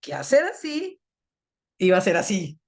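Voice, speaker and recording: Animated woman telling a clinic story. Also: fairly low pitch, moderate pace. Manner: lively, self-mocking storytelling with acted-out moments. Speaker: audiologist. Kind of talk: anecdote told on a panel.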